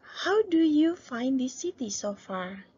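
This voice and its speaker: A woman's voice: high voice, takes it slowly, heavily acted. A woman voicing Jim, a polite photographer. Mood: curious. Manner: polite, even textbook dialogue. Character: friendly adult man named Jim, a photographer. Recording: dull lo-fi sound.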